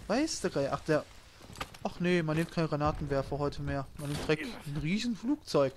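Male let's player, lightly high voice, casual joking commentary over clearly audible game noise. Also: animated, normal speed. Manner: joking, sarcastic, swearing. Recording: game gunfire and noise behind. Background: video game gunfire.

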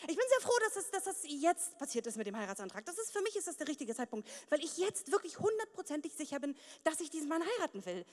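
A woman's voice: high-pitched, big pitch swings, fast, hardly any pauses, darkish tone. A young woman performing a stand-up comedy set with crude, brash punchlines. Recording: long reverb of a studio hall.

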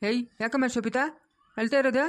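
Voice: mid-range voice, fairly even intonation, brisk, lightly acted. A performer voicing a stern elderly grandfather in a cartoon family drama, scolding and commanding.

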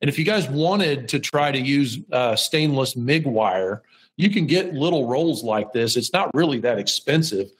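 A man's voice: medium pitch, expressive, unhurried, breathy edge, low-quality recording. A middle-aged man hosting a podcast from his metal shop, explaining welding in a rambling, self-deprecating way with lots of ums and restarts. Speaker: podcast host. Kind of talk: casual how-to talk.

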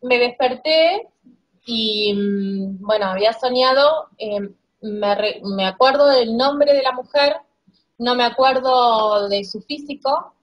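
A woman's voice: a little high, slow pace, highs cut off. A woman recounting a vivid dream in a casual, hesitant way, restarting her phrases. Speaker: client's wife recounting a dream. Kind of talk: casual storytelling.

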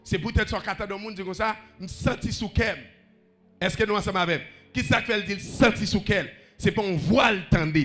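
Haitian preacher guy, high voice, sermon with call-outs, faint music behind. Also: a bit bright.

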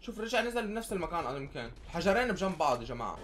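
Young man, Syrian accent, gameplay commentary, high bright voice, faint game noise behind. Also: rapid-fire. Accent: Syrian Arabic. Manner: excitable, shouts and pleads at other players. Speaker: gaming YouTuber. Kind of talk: excited live gameplay commentary.

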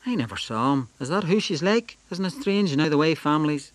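A man putting on a knot of older men at a graveside, gossiping in a slow, sing-song chant full of dialect phrases. Their voices rise high, with wide swings in pitch. The sound is dry and close. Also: animated, no room sound, lightly acted.

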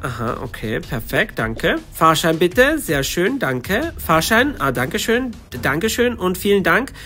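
A performer voicing a male train ticket inspector who talks in a brisk, official, polite way. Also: mid-range voice, sing-song, bright, forceful tone, slight background noise, voice pushed down.

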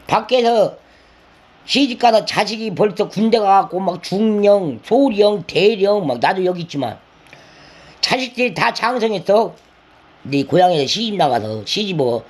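Older man, high and very animated voice, rambling lecture full of nagging questions. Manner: lecturing, nagging tag questions, coarse words; slips into sung lines and acted quotes. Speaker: elder lecturing a listener. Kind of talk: rambling scolding monologue.

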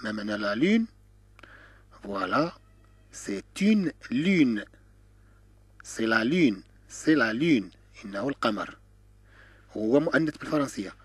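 A man with a Moroccan Arabic accent leads a beginner French lesson, sounding out syllables one at a time. His voice is a little husky and swings up and down in pitch. He speaks slowly, and the recording is close and dry. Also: expressive, fairly bright tone, no echo. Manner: drills letter sounds slowly, repeating each syllable. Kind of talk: slow classroom-style reading lesson.

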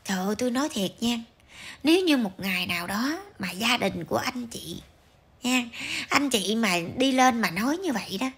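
A woman's voice: a little high, lively intonation, moderate pace, breathy edge. A woman ranting to her viewers in a scolding, emphatic way, full of rhetorical questions. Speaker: vlogger commentator.

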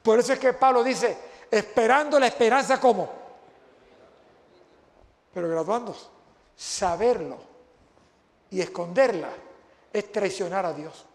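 A man's voice: high-pitched, animated, a little slow, pauses often. A man preaching an impassioned sermon to graduates, repeating phrases for emphasis. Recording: long hall reverb.

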